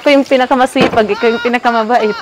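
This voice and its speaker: A woman's voice: a little high, steady tone, very fast. A young woman vlogging while she cooks on a family farm, chatting casually and slipping in playful jokes. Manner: playful teasing, frequent joking asides. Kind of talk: casual cooking vlog. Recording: loud insect and cricket noise.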